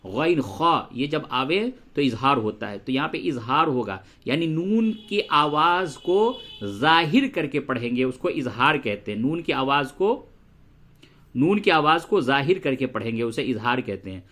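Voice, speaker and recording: A man teaching Quran reading and tajweed, explaining letter sounds and drawing verses out slowly as he recites them. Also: mid-range voice, lively intonation, fairly bright tone. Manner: slow drawn-out recitation of verses between brisk explanations; addresses listeners as brother, repeats sounds for drilling.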